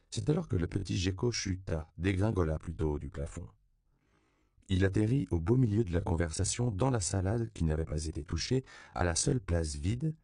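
Deep gravelly male audiobook narrator. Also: dry recording, clean studio sound. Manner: measured, even reading. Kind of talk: scripted narration.

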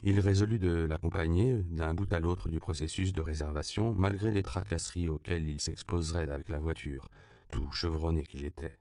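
A man reading an audiobook in even, measured scripted narration. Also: low voice, clear, resonant tone, no echo, clean studio sound.

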